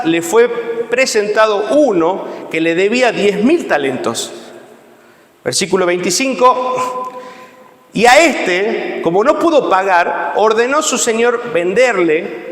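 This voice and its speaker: A man's voice: sits high, fairly bright tone. A man preaching a Bible lesson, reading verses aloud and emphatically asking the congregation questions. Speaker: pastor teaching a Bible class. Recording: echoey church hall with long reverb.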